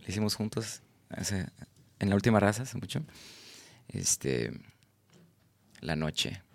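Slow and fairly low, with vocal fry, a darkish tone and big pitch swings, this man's voice carries no echo. A singer-songwriter from Tabasco, Mexico, with a Mexican accent, he's a guest in a casual storytelling interview, rambling through slangy anecdotes and acting out his friends' parts.

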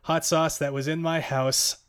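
Excitable male podcast host, fairly high voice. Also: measured pace, clean tone. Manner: excitable, laughing, rambling with fillers. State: gasping from hot sauce heat. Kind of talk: casual chat.

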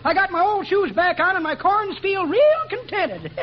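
Casting: a cheerful old rustic codger, very high voice, 1950s radio comedy, muffled recording with some noise. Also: male voice, very animated, normal speed. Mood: folksy, cheerful. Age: older. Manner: rustic dialect, folksy. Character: cheerful folksy old codger with sore feet.

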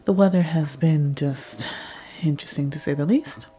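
Hoarse and a little raspy from a cold, a young woman chats easily with her podcast listeners, rambling and using lots of fillers. She speaks in a low, warm voice at an ordinary speed.

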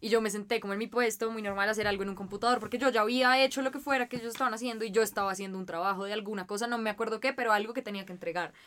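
Fast-talking young Colombian woman. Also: medium pitch, fairly even intonation, fairly bright tone. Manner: rapid storytelling, swearing, mimics people. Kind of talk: casual chat.

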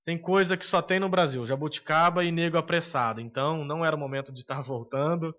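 Slightly high Brazilian man, opinionated. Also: a bit bright. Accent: Brazilian Portuguese. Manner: opinionated, hesitant with frequent filler pauses. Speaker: podcast co-host. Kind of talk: casual sports chat.

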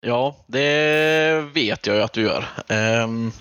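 A man's voice: medium pitch, a bit bright, smooth, no room sound. A man, chatting casually as a podcast co-host on a slightly muffled microphone. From Gothenburg, Sweden. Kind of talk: casual chat.

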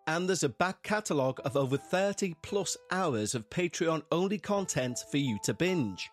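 A man hosting a podcast in a measured, polite, scripted way, speaking directly to listeners. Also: on the high side, animated, faint music behind. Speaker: podcast host. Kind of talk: scripted host narration for a paranormal podcast.

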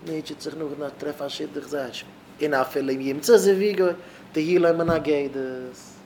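Emphatic rabbi preaching over background noise. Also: male voice, a little high, fairly even intonation, a little fast. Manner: emphatic, voice swelling loud on key words. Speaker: rabbi giving a talk to young married men.

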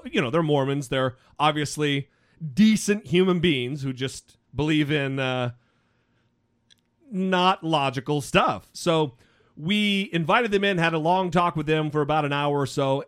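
A man's voice: on the high side, a bit bright, no room sound, clean studio sound. A man with an American accent hosting a casual podcast, telling stories in a joking, rambling way. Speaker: host.

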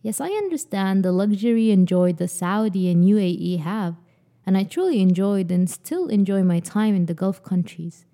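A young Sudanese woman hosts a podcast conversation, reading prepared lines in an earnest, personal way at a moderate pace. Her voice is very dark and mellow, with a mid pitch.

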